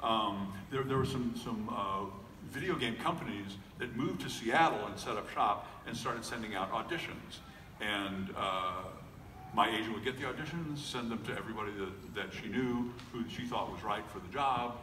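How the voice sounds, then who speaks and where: Speaking at normal speed in a lowish, sharp voice, this middle-aged voice actor from the US chats casually with a panel audience, self-deprecating and joking, often restarting and filling pauses. The sound carries the echo of a large convention hall, picked up from afar with slight noise.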